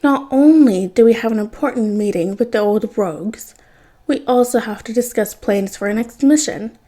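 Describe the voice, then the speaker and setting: A woman's voice: fairly high pitch, normal speed, mellow, natural voice. Cigar-smoking villain boss read by a woman, formal and in charge. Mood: commanding. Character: cigar-smoking male crime boss with cane.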